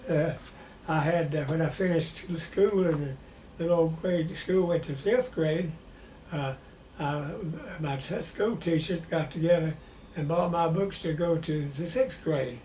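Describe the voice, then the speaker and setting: Elderly Southern veteran remembering, high-pitched voice. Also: male voice, a little mellow. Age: 90s. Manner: old veteran remembering, plainspoken and halting. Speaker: war veteran being interviewed. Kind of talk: personal reminiscence in an interview. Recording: roomy echo with faint background noise.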